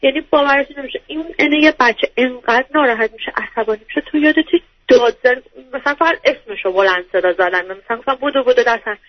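A woman's voice: fairly high pitch, dry recording. A woman calling in to an advice show, explaining at length in a hesitant, stammering way. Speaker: caller. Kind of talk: call-in counseling chat. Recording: dull lo-fi phone-line audio.

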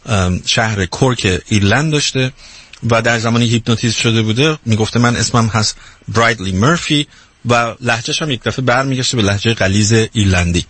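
A man's voice: mid-range voice, fairly bright tone, slightly rough. A man hosting an interview, asking reflective questions and often searching for his words.

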